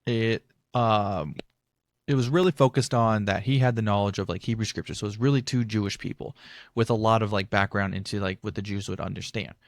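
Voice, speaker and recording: A man's voice: on the low side, steady tone, brisk, no echo. A young man hosting a casual Bible-study podcast, talking in a rambling, chatty, self-deprecating way. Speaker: podcast host.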